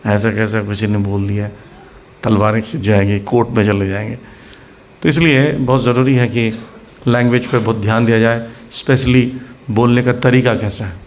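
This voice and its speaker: A man's voice: on the low side, steady tone, normal speed, slight background noise. An Indian man giving a Hindi sermon at a temple preaching centre, mixing in English words and acting out scolding examples.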